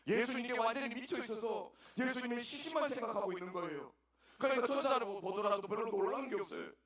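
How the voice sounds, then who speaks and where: A man's voice: extremely high pitch, quick pace, a bit bright. A man preaching a sermon as pastor, emphatic and repeating words as he speaks to the congregation in a church. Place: church sanctuary. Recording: echoey church hall, distant mic.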